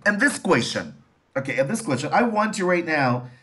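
A man's voice: on the high side, very animated, normal speed, pushed and bright, a little hiss or hum. A man teaching an English class over a video call, repeating each phrase and translating it. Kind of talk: online bilingual class.

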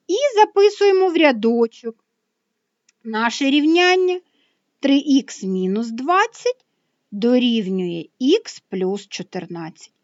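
A woman's voice: fairly high pitch, dry recording, lo-fi sound. A woman math teacher explaining a lesson patiently, step by step.

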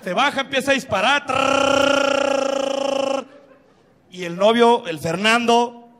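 Animated crude-talking Mexican comedian. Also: male voice, extremely high pitch, normal speed, in a large hall, heavy background noise. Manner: crude, profane, animated, laughing storytelling. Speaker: stand-up comedian. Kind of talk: stand-up comedy storytelling.

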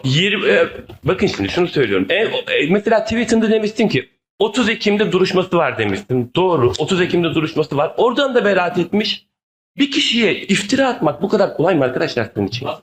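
A man's voice: high-pitched, sing-song, fast. A man arguing insistently as a council member in a heated political debate, often repeating himself. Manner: argumentative, insistent, repetitive. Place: large indoor meeting hall. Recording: echoey council hall microphone.

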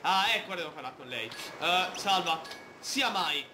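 A man's voice: on the high side, expressive, normal speed, reverberant, background noise. A man playing a video game, chatting playfully and reading the game's text aloud. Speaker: gamer. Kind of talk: Let's Play commentary.

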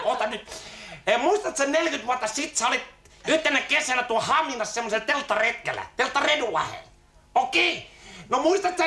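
A giggly Helsinki-slang guy, high. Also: bright, forceful tone, roomy sound, exaggerated voice. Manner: giggly, stammering, keeps tacking on "hei". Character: brash slangy 40-year-old man hunting his father. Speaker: comedy sketch character. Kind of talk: 1980s TV sketch comedy.

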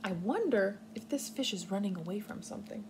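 Her voice medium-pitched, animated and brisk, a young adult American woman reads to little kids from her living-room couch. She teaches like a kindergarten teacher, keeping the wording simple and the explanations clear, in a clearly noisy home recording.

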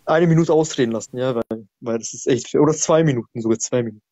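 A man's voice: medium pitch, fast talker, dark tone, no room sound. A man calling into a live debate, insistent, repeating himself and pleading to finish. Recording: dull, dry call audio.

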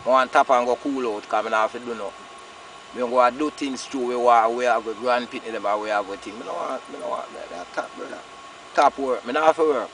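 A man's voice: medium pitch, a little fast, a bit bright, distant mic, poor audio. An older Jamaican man talks in casual rasta-style patois, driving points home by repeating them. He is recorded outdoors by a roadside, a little away from the mic, with faint noise around him. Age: older, about 60s. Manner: emphatic, repeats phrases. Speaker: farmer being interviewed.

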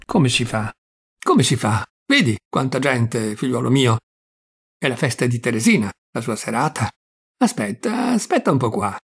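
A man voicing a flustered, kindly old aunt with a gravelly, husky voice who frets and fusses tenderly. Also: mid-range voice, very animated, normal speed. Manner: fretful, fussing, tender.

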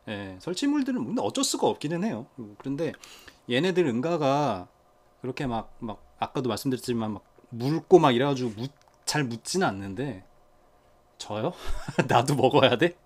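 Pets coaxing a soft-spoken man. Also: mid-range voice, sing-song, normal speed. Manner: chatty, talks softly and coaxingly to his pets between asides to viewers. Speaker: pet vlogger. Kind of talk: casual narration while handling pets.

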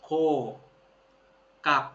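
A man's voice: extremely slow, bright, forceful tone. A man teaching a language lesson, patiently repeating each word and praising his students. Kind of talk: classroom-style lesson. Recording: roomy, dull lo-fi sound with faint hum.

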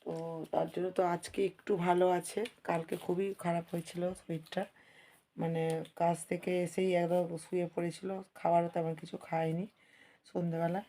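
Hoarse lady talking to her viewers while she cooks at home, low and kinda flat. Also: normal speed. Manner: chatty, addresses viewers as friends. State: hoarse from a cold. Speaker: vlogger. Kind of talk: casual home vlog chat. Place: home kitchen.

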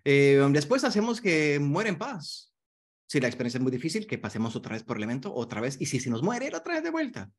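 A man's voice: fairly high pitch, huge pitch swings, a little fast, slightly rough. A man teaching a hypnotherapy masterclass online, in a conversational way that keeps checking in with the class. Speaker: hypnotherapy instructor.

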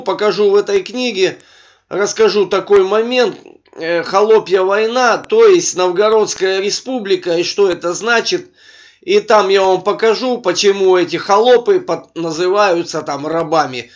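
A man with a speech impediment on his R sounds, reading texts aloud informally as a video blogger, with halting commentary. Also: high-pitched. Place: voice-over recorded over a screen capture. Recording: dull, lo-fi microphone sound.

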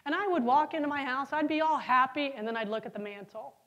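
A middle-aged woman with a high-pitched voice talks fast while giving a keynote on stage in a large conference hall. She tells vivid stories and asks the crowd questions, and the sound quality is lo-fi.

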